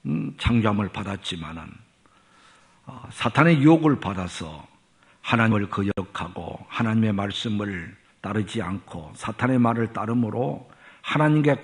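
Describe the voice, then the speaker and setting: A man preaching a sermon, telling a story and then teaching in a measured way that rises for emphasis. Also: medium pitch. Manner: measured preaching with rising emphasis and drawn-out pauses. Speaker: pastor.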